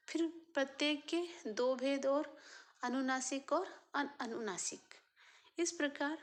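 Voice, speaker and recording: A woman teacher giving a lecture, slow and repetitive, posing questions and answering them herself. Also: high voice. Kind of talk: Hindi grammar lecture.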